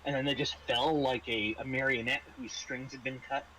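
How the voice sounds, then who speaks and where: Serving as game master for a tabletop roleplaying game, a man narrates casually and a little haltingly with dry, understated humour. His mid-range voice has fairly even intonation and sounds pushed and bright, recorded poorly on a home mic with faint background noise.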